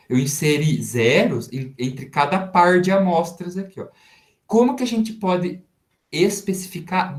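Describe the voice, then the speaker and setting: A man with a Brazilian Portuguese accent, a university professor giving a recorded math lecture and working through each step slowly with rhetorical questions to his students. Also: on the high side. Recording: roomy echoey sound.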